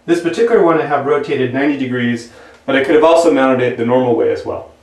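A man's voice: medium pitch, far from the mic. An American man in his thirties giving a how-to demonstration to camera in a small room. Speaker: presenter. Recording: echoey room, off the mic.

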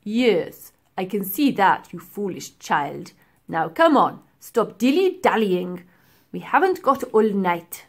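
A woman's voice: mid-range voice, very animated, slow, heavily acted. A woman voicing a stern, impatient male professor who barks orders and belittles a child. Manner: sharp, commanding, belittling.

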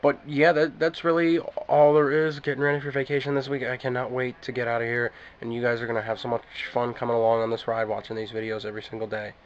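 A man at a mid pitch, rambling easily as he talks to camera in a daily vlog. His speech rolls along casually with a few restarts, aimed right at his viewers. The audio is a bit dull and lo-fi with a faint hiss under it. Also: flat delivery, fast talker, hardly any pauses. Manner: rambling, chatty, addresses viewers directly. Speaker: daily vlogger.

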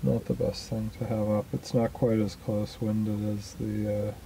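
A man talking casually in a slow, halting way with many fillers, recorded in a small boat cabin at anchor. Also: fairly low pitch, little pitch movement, creaky, warm tone, slight background noise, poor audio. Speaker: small boat sailor vlogging. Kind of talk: casual spoken log.

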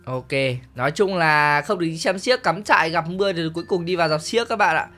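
A man's voice: a little high, fairly quick, sharp tone, faint music behind. A man hosting a game video, chatting casually and teasing jokingly as he plays. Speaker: gaming channel host.

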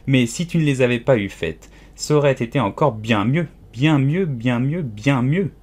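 A man's voice: animated, moderate pace, darkish tone, close to an everyday voice. A man voicing a fussy, scatterbrained old queen who wails and lectures in an audiobook. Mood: scolding. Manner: shrill wailing cries, fretful and peremptory. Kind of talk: audiobook character voice.

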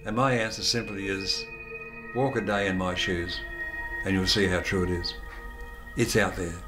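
An older man in his seventies giving a measured, earnest documentary interview. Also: sits low, little pitch movement, music in the background. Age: older, about 70s. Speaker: exorcist interviewee.

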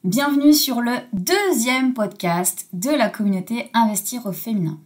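A woman's voice: on the high side, animated, normal speed. Chatty woman in her forties hosting. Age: 40s. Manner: chatty, self-mocking asides. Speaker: podcast host. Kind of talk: casual solo podcast.

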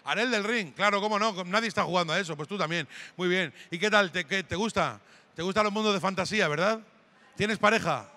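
A middle-aged man doing stand-up comedy at a live event, teasing the crowd and breaking into shouts. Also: sits high, a little fast. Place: hall at a gaming event with live audience.

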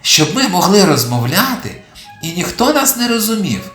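Storyteller doing a playful little puppy, high eager voice, lively swings in pitch, roomy sound, soft music behind. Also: moderate pace. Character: cheerful little male puppy, playful and inventive.

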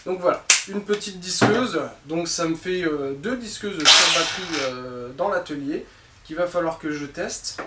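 A woodworking host with a fairly high voice talks a little slowly while casually unboxing tools in his cluttered home workshop. He's chatty and informal, calling his viewers "les gars." A distant camera mic picks up roomy echo and faint noise.

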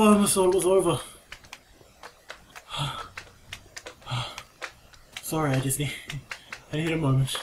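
A man giving casual, rambling commentary while playing a game, jokey and prone to sudden excited outbursts. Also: medium pitch. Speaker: let's play commentator. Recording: noisy home recording with keyboard clicks. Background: keyboard typing and clicks.

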